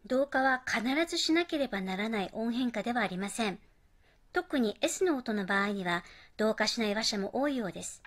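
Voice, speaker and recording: A woman narrating a scripted pronunciation lesson, modelling English phrases slowly and carefully. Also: fairly high pitch, lively intonation.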